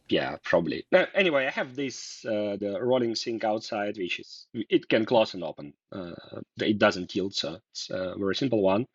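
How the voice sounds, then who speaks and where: A man's voice: on the low side, breathy edge, no echo. A man from Russia, a guest in a casual interview, talking hesitantly with many fillers and restarts. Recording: dull lo-fi sound.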